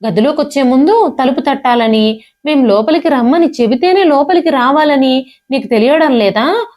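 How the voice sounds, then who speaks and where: A woman voicing an angry uncle who shouts harshly at his nephew. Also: high-pitched, lively intonation, moderate pace, pitched above the performer's own voice. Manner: shouting, scolding.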